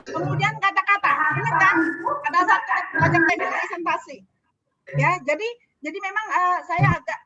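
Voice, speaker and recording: A woman trainer giving chatty feedback to a class over a video call, often asking them questions. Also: very high-pitched. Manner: chatty, asks the class questions, laughs easily. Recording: dull lo-fi video call audio.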